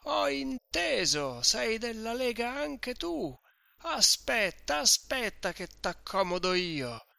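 A man voicing a drunk young man, boastful and muddled, with slurred, drawn-out speech. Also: a little high, expressive, vocal fry, bright, forceful tone, no room sound, exaggerated voice. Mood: drunken outrage.

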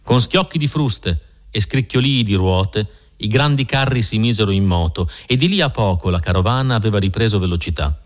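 A man narrating a classic novel in a measured, steady storytelling manner. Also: lowish voice. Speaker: audiobook narrator. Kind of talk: scripted literary narration.

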